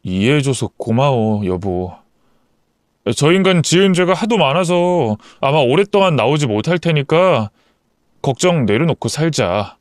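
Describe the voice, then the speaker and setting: A man's voice: fairly high pitch, expressive, measured pace, dry recording, studio quality. A man voicing a bitter young husband who speaks curtly and with contempt, in an audio story. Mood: apologetic. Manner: curt, contemptuous.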